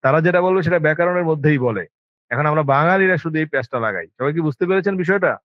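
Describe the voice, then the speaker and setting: A man's voice: a little high, lively intonation, quick pace, no room sound. A man with a Bangladeshi Bengali accent giving an informal lecture on Arabic to students, emphatic and full of rhetorical questions. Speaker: Arabic language teacher. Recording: dull lo-fi dry sound.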